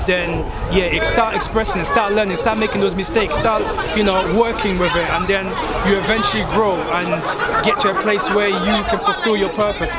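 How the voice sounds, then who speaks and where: A young man from Congo, talking casually and earnestly about his music in an interview outdoors at a live event. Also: sits high. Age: young adult. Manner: relaxed, earnest, slangy with frequent "innit". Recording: loud music and crowd behind. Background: loud music and crowd.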